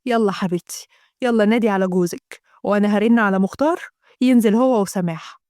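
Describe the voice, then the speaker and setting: A woman voicing a kind, devout older mother-in-law with an Egyptian accent, talking in a gentle, motherly way. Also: medium pitch, fast talker, no echo, studio quality, pitched below the performer's own voice, close to an everyday voice. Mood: tender. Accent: Egyptian Arabic.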